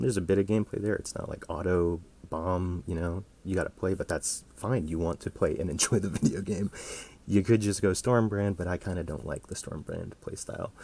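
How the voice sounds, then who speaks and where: A man's voice: low voice, darkish tone. A man giving casual, rambling gameplay commentary with plenty of swearing and filler words. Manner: rambling and profane, many fillers. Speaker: gaming video host.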